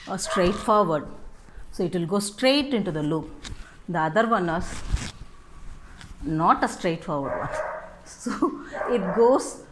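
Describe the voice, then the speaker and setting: Slow-talking woman demonstrating scarf styles. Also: medium pitch, background noise. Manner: unhurried step-by-step instructions with frequent "no?" tags. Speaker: scarf styling tutorial host. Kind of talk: casual how-to demonstration.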